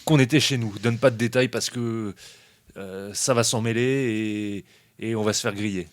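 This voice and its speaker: A man playing a tabletop game, raising quick worried objections. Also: fairly low pitch, steady tone, no room sound. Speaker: player.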